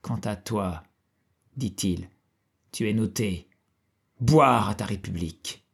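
A man's voice: on the low side, slow pace, gravelly, slightly rough, heavily acted. A man reading the part of a big brutish royalist bandit who sneers and threatens. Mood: sneering. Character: brutish male royalist bandit, menacing, contemptuous.

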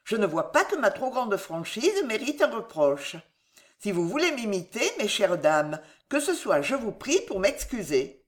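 A woman voicing an excitable, fawning young gentleman who pleads theatrically. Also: mid-range voice, unhurried.

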